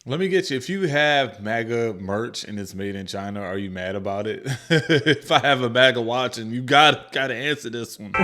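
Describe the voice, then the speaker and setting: Male reaction show host, casual, slangy, mid-pitched voice. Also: moderate pace, few pauses, very noisy. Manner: laid-back, slangy, laughs easily.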